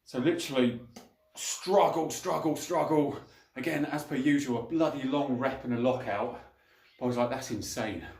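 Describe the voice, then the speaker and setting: A man's voice: medium pitch, fairly even intonation, a little fast, hardly any pauses, a little mellow. A man talking casually and colloquially to viewers between sets of lifting weights, as a fitness vlogger. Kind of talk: casual training vlog talk between sets. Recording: echoey room.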